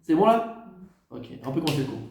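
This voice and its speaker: A man leads a class as a rabbi, asking the room questions and answering them himself. His voice sits fairly high. The sound rings in an echoey room. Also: expressive, quick pace, vocal fry, noisy background. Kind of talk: lively classroom teaching.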